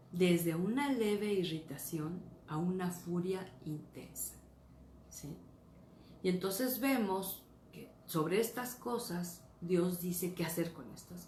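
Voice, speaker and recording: A woman's voice: on the low side, mellow, slight background noise. Earnest woman pastor teaching. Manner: earnest, checks in with "¿sí?" and "¿verdad?". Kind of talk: teaching sermon. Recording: roomy echo, faint ambience.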